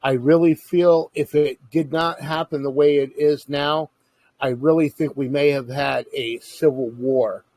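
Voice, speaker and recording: A man's voice: a little high, fairly even intonation, measured pace, a little mellow, no room sound. A man in casual conversation, earnestly explaining his views at length in a lecturing way.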